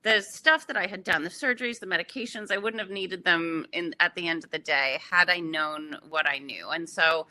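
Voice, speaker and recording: Brief: earnest woman interview guest, very bright tense voice, fluent storyteller. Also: lowish voice, normal speed, few pauses, low-quality recording. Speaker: holistic health practitioner, guest. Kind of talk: casual interview chat.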